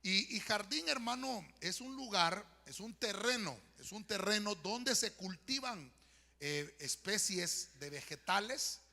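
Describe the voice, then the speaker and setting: A man with a Honduran accent preaches from the pulpit in a high, bright voice. He leans on fillers and keeps asking the congregation "¿verdad?" while calling them "hermano". The sound carries a long reverb from the church hall. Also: expressive, unhurried, gravelly. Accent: Honduran Spanish. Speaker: pastor. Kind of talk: sermon with spoken prayer. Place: church sanctuary.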